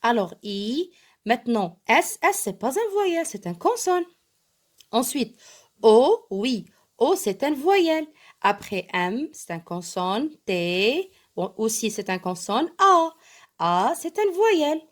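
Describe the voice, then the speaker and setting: A woman, teaching primary pupils, slowly spelling out letters and switching into Arabic to explain. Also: a little high, sing-song. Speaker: primary school French teacher. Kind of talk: bilingual lesson explaining an exam.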